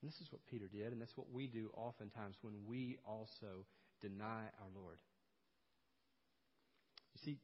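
A man preaching an expository sermon, telling stories and swinging between loud emphasis and hushed, low passages. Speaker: pastor. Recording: dull sound with long hall reverb.

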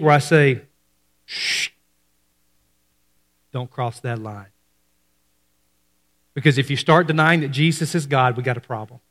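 Male pastor, conversational sermon delivery, slightly higher voice, hushed drops for emphasis, long hall reverb.

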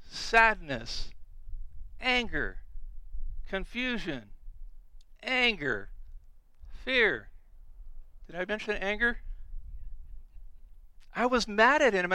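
A middle-aged man delivers a sermon in an earnest, emphatic way, coming back to his key phrases again and again. His voice is bright, smooth and a little higher than most men's. It is recorded close and dry, with no room sound. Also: animated, takes it slowly, long pauses, no echo, poor audio. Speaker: preacher.

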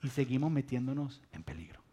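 A man preaching a sermon as a lively storyteller, acting out scenes with humor. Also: mid-range voice, fairly quick, husky.

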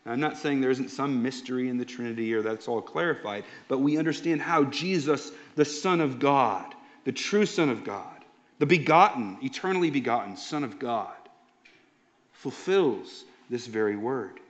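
A pastor preaching a sermon in an emphatic, slow and deliberate way. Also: male voice, mid-range voice, expressive. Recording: dull lo-fi sound.

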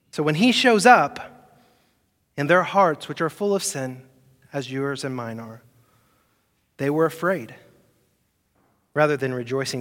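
Male pastor, fairly high voice, preaching from the pulpit; loud emphatic peaks and hushed asides, rhetorical questions to the church. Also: in a large hall. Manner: swings between loud emphatic peaks and quiet, soft asides; asks the congregation rhetorical questions. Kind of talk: sermon.

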